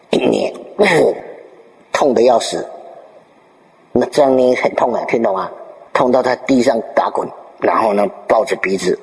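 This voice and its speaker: Lower-voiced man giving a dharma talk. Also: creaky. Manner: checks in with rhetorical questions to listeners. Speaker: Buddhist dharma teacher. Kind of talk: dharma talk retelling a Zen story. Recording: long reverb in a hall.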